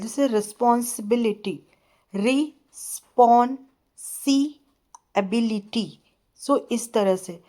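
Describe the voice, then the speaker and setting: A woman teacher with a fairly high voice explains an English lesson to children. She reads the textbook lines out slowly and deliberately, then switches to faster explanations. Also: darkish tone. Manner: addresses students as children.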